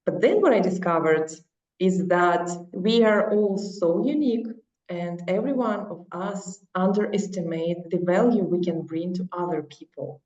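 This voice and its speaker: This is a woman with a Russian accent, a non-native speaker, talking casually as an interview guest in an earnest, encouraging way. Her voice is lowish and darkish at a normal speed, and the sound is lo-fi, dull, distant and echoey.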